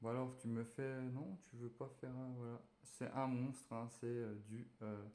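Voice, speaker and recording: A man's voice: medium pitch, steady tone, moderate pace, mellow. A man casually chatting while unboxing a phone, hesitant and full of fillers. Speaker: tech reviewer unboxing a phone. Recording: echoey room.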